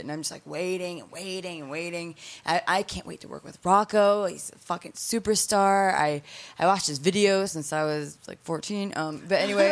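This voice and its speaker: A young woman telling candid, crude stories in a casual chat, full of fillers and restarts. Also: low-pitched.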